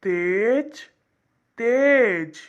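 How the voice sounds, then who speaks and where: A woman's voice: fairly high pitch, animated, extremely slow, muffled recording. Woman calling out in a horror skit. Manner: calling out, worried. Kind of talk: amateur horror drama acting.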